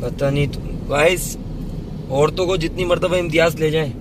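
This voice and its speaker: A man's voice: fairly high pitch, steady tone, moderate pace, background noise. A man, chatting casually to viewers in a family vlog, teasing and chatty, recorded in a car by a dashboard camera. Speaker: vlogger. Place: in a car, in city traffic.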